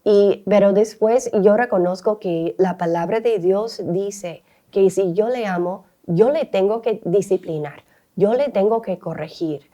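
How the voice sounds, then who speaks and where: Mellow-voiced woman co-hosting a faith chat. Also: medium pitch. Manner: warm-hearted, candid, quick to laugh. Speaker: co-host.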